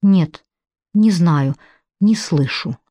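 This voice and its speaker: A woman voicing a frightened, broken young patient who speaks in halting, childlike fragments, in an audiobook. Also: on the low side, dark tone, no echo.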